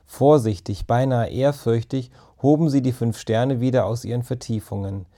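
Mellow-voiced male storyteller. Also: medium pitch, normal speed. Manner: calm, even storytelling. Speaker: narrator. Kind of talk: audiobook narration.

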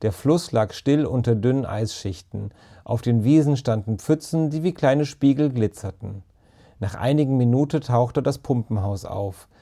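A man narrating a children's story in a calm, even storytelling manner. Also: medium pitch, moderate pace. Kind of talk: audiobook reading of a children's story.

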